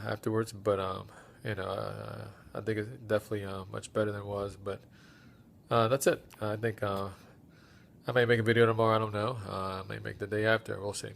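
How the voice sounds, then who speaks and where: Stuffed-up guy doing a casual vlog update, lowish monotone, kinda halting. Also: vocal fry, slight background noise. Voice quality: congested, stuffy-nosed. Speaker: patient recording recovery diary.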